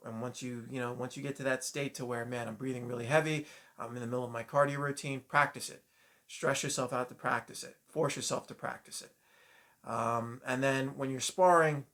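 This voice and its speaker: A man's voice: medium pitch, bright, forceful tone. A man with a New York accent giving direct, encouraging jiu-jitsu breathing tips to camera as an instructor, with frequent fillers. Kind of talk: casual spoken tips to camera.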